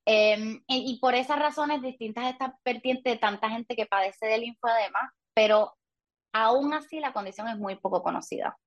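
A woman's voice: a little high, normal speed, muffled recording. Chatty Puerto Rican woman, thirties. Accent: Puerto Rican Spanish. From Puerto Rico. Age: 30s. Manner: candid, chatty, with light self-mocking humor. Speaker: guest, patient. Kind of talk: casual podcast interview.

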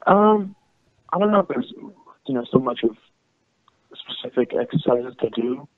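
In an interview, a young professional goalkeeper with roots in France and California gives thoughtful, relaxed, casual answers. His mid-range voice is expressive and paced normally. The sound is phone quality, with no room sound.

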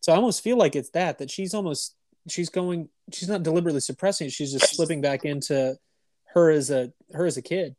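A man with a fairly high voice co-hosts a casual podcast chat. He talks in a chatty, agreeable way, and his voice sounds dry and close with no room echo. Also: darkish tone. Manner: chatty, quick to agree, laughs. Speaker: podcast co-host.

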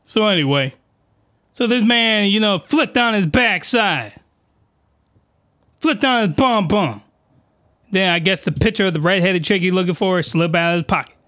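A podcast host recaps an anime with mock outrage, rambling while his voice cracks and gives out. It's high-pitched, animated, pushed, and bright, at a moderate pace with long pauses.

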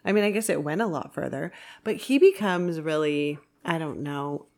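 Woman, casual chat, giggly storyteller, slightly low voice. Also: normal speed. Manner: storytelling, giggly, quotes people in a raised voice. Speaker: film podcast co-host.

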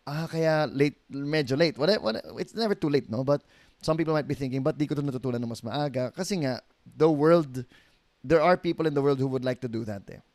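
A middle-aged Filipino pastor, appearing as a guest on a casual podcast, tells stories with animation, acting out quoted voices and laughing easily. His voice is a little high and fairly quick, with no room sound.

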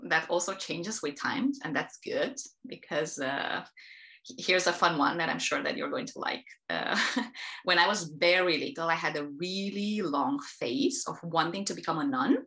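A woman's voice: sits low, normal speed, sharp tone. A woman from Romania, a podcast guest, telling stories about her life in an enthusiastic, chatty way with frequent restarts over a remote call. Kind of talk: conversational interview. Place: home in Amsterdam.

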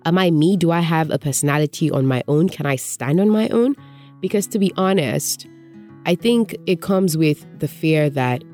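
A woman with a low voice speaks candidly as a radio presenter and voiceover artist. She tells personal stories and acts out the remarks people made to her. Soft guitar music plays faintly behind her. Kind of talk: reflective personal talk.

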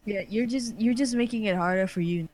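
A woman's voice: medium pitch, a little fast, a little mellow. A woman guest on a casual podcast, joking dryly and swearing freely.

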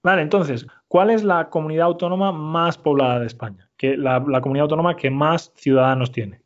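A man from Málaga, teaching a slow, patient lesson, repeating answers and explaining words clearly. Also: fairly high pitch, highs cut off. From Málaga, Spain. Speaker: Spanish teacher.

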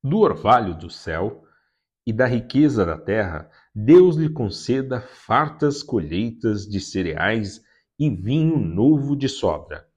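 A man's voice: lowish voice, expressive, darkish tone, husky, exaggerated voice. A man reading as a solemn aged father. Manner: slow, solemn pronouncing of a blessing. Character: aging blind father, solemn and grave.

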